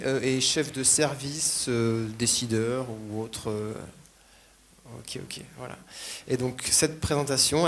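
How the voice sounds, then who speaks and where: Guy starting a talk, chatty and relaxed with the crowd, faint hum behind him. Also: medium pitch. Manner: casual, addressing the audience directly. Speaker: presenter at a data conference. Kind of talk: conference presentation.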